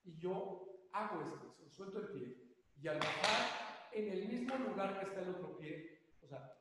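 An older man teaches tap dance, explaining each step slowly and repeating the step names to demonstrate. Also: high-pitched, lively intonation, heavy background noise. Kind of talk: spoken dance lesson. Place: dance studio. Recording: very echoey studio, long reverb.

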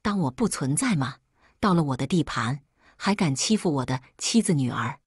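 Woman playing a stern father, cold, protective, lowered voice, husky. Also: lively intonation, normal speed, dry recording, studio quality.

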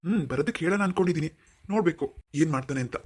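A middle-aged cartoon father who runs a big company, played by a man. He talks at a breakneck pace in a slightly raised voice. He is warm toward his son yet will not take no for an answer. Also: on the high side, animated, racing. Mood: fatherly. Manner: fatherly, pushy, affectionate. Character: wealthy older father, company owner, insistent. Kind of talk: cartoon voice acting.

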